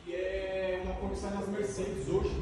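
A man's voice: high voice, level tone, moderate pace. A man who runs a car wrap shop, casually and eagerly explaining his work. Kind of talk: casual conversation. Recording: reverberant workshop with loud background noise.

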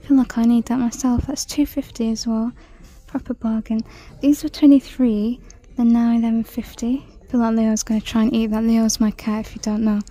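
A woman chatting through a shopping walk-through in a large store, reading out prices and sometimes dropping to a soft whisper, filmed on a handheld phone. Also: fairly high pitch, flat delivery, normal speed, hardly any pauses. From United Kingdom. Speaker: shopping vlogger. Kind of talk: casual shop-with-me commentary. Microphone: handheld phone camera.

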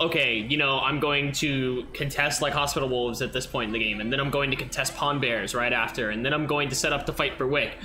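Man, Southern US accent, game coach, bright tense tone, slightly high voice, relaxed explaining. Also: slight background noise. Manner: relaxed, explanatory, many fillers and laughs. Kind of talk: live coaching chat over gameplay.

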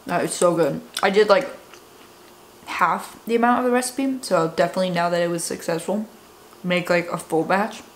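A young woman talks casually to her camera at home, her voice sitting a little low and her chat loose and full of fillers. A faint hiss runs under the home recording. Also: fairly quick. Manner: chatty, filler-heavy with many "like"s. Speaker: fitness vlogger. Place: home kitchen, indoors.

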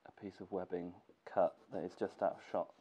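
Deep, brisk, and slightly rough, a young man's congested voice walks through a sewing lesson in his workshop while he nurses a cold. He makes gear and teaches in a relaxed, casual way, musing aloud with fillers. It's captured on dull lo-fi camera audio with a bit of faint noise.

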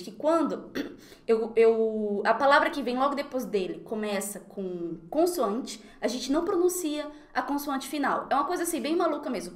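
A Brazilian woman from Recife teaching French in a lively, chatty live lesson, laughing often and slowing down to pronounce French words carefully. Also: on the high side, echoey room. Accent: Brazilian Portuguese.

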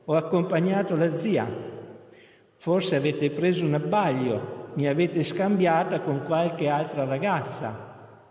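A man's voice: a little high, slow pace, a little mellow. A man voicing a young woman student troubled by doubts of faith, speaking earnestly, in an echoey hall. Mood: insistent. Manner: earnest, pleading. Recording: echoey hall, long reverb.

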